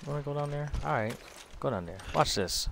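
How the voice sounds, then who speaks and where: A man's voice: on the high side, expressive, brisk, gravelly, fairly bright tone, a little hiss or hum. A man teasing his teammate and laughing, apologizing often while playing a co-op game. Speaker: gamer playing co-op. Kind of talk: casual gaming commentary.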